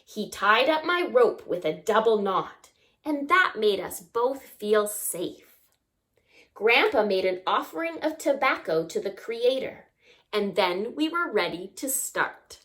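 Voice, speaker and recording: A slightly high-voiced woman reads a picture book to young children at a slow pace during story time. Expressive in her reading, she acts out sounds and adds asides and questions directed at her young listeners.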